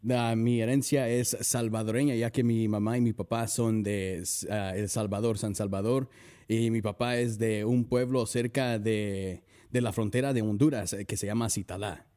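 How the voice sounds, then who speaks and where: A young man from the San Francisco Bay Area, a guest chatting casually from home, relaxed and full of fillers and restarts. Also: on the low side, normal speed. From San Francisco Bay Area, USA. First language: Spanish. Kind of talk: casual interview chat.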